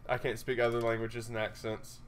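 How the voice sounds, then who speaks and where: A man's voice: medium pitch, monotone, brisk, very noisy. A man from the United States joking and teasing his friends in a casual gaming chat.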